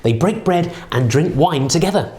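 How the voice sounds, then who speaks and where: A man's voice: a little high, lively intonation, normal speed, a little mellow, reverberant. A man presenting to children like a kids party magician, with jokey, theatrical patter in a scripted show.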